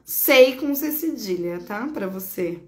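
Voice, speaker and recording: A woman's voice: mid-range voice, animated, slow, a little mellow. A woman from Brazil, hosting a casual horoscope chat, talking affectionately, laughing often and correcting herself as she goes. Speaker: astrologer host. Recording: echoey room.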